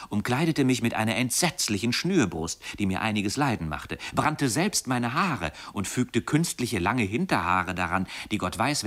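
A man with a fairly low voice narrates an audiobook in a steady, expressive storytelling manner. The reading is scripted and follows a classic literary text.

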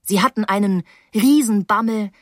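A woman narrating a first-person novel as an audiobook, calm and wry. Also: medium pitch, moderate pace, no room sound, clean studio sound.

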